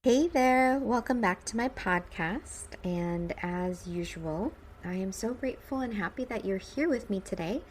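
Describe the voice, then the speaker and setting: An American woman in her forties from the suburban Midwest hosts a personal podcast, speaking informally with upbeat emphasis. She has a mid-range voice, and there's slight background noise.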